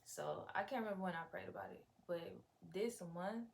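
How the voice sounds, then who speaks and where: A woman's voice: medium pitch, fairly quick. A young woman chatting casually to viewers as a vlogger, in an unfiltered, rambling, slangy way with plenty of swearing. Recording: clear background noise, room ambience.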